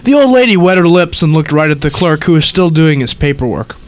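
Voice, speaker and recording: A man's voice: on the high side, very animated, fairly quick. A man co-hosting a late-night radio talk show, reading a story aloud in a dry storytelling delivery.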